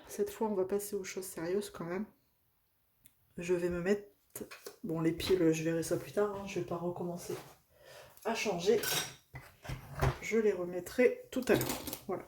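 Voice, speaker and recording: Woman, Northern French accent, casual craft chat, at home, chatty, many fillers, mellow tone. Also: mid-range voice, a little hiss or hum. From northern France. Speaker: craft vlogger.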